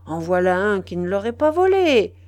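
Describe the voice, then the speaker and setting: A woman's voice: medium pitch, sing-song, normal speed, a little mellow, no room sound, close to an everyday voice. A woman reading the lines of a jealous young husband who keeps pressing and teasing his wife, in a storybook reading. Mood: insistent, teasing. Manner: coaxing, pressing, mocking.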